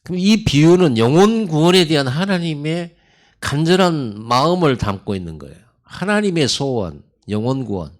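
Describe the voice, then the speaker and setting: Lively storytelling Korean pastor, man. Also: normal speed. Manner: storytelling sermon with lively pitch swings; acts out God's and Jonah's lines in quotes. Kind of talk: sermon.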